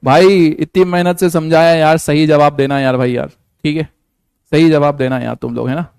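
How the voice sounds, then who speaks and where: A male teacher runs a live online lesson, firing quick questions at his students and teasing them playfully. His voice sits a little high and comes through smooth and crisp, recorded close and dry with no room sound. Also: steady tone, darkish tone, dry recording. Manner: coaxing, repetitive questions to students; playful, jokes with pupils. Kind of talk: live online class lecture.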